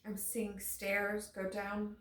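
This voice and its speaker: A woman in an unscripted paranormal session, describing impressions haltingly and trailing off as she searches for words. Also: mid-range voice, monotone, fairly bright tone. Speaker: paranormal investigator receiving in a spirit box session. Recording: roomy, echoey sound.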